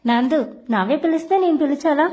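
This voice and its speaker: A woman's voice: high voice, animated, fairly quick, darkish tone. A woman voicing a shy, bashful young bride in a storybook reading.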